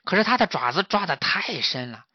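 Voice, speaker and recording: A man's voice: high-pitched, big pitch swings, a little fast, dry recording. A man, a father, animatedly telling a playful children's story to his son, with frequent exclamations. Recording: slightly muffled dry recording.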